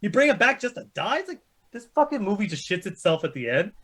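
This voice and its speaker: Ranking films on a chat show, this panelist speaks quickly in a high, slightly bright voice full of big pitch swings. He rants bluntly and opinionatedly about movies, swearing a lot in a casual way.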